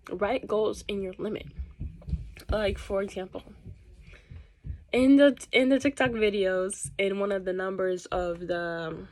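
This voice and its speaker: Young woman, YouTuber, casual vlog chat, fast talker, occasional stumbles, camera across the room. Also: medium pitch, a little mellow, a little hiss or hum. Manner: talks fast, occasionally stumbles over words. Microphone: camera set across the room.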